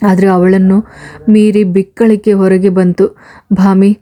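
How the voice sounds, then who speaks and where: A woman narrating a serialized audiobook story in a steady, even storytelling manner. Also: medium pitch, moderate pace.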